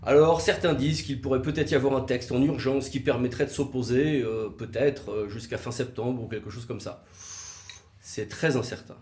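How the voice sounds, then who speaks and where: A man of medium pitch and darkish tone keeps his intonation fairly even and his pace moderate. Explaining the law didactically for a semi-scripted video, he raises rhetorical questions and emphasizes important words; the recording has an echoey room sound.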